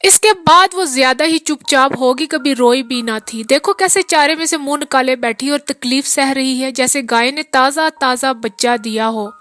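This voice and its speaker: A woman's voice: sits high, moderate pace, few pauses, a bit bright, faint music behind. A woman reading the part of a weary, peasant-born man who rambles through a long, rueful account of his hard years. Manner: long rambling confessional talk.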